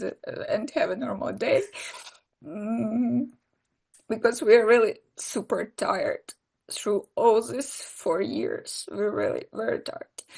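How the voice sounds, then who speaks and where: An emotional woman from Ukraine with a Ukrainian accent, speaking haltingly and from the heart on a video call from her home. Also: a little high, creaky, darkish tone. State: emotional, close to tears. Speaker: invited speaker. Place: home without electricity, lit by a candle.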